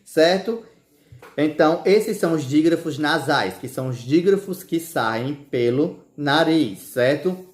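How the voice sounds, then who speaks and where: A man's voice: fairly high pitch, lively intonation, measured pace. A male teacher giving a recorded class, patiently spelling words out letter by letter and often checking in with his students. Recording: echoey room.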